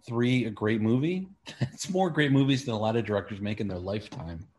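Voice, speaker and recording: Male interview guest, lowish voice, loose and wry conversational delivery. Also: expressive, a little fast, a little mellow, a little hiss or hum. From Queens, New York City. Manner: rambling, wry, peppered with like and you know. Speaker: stand-up comedian guest.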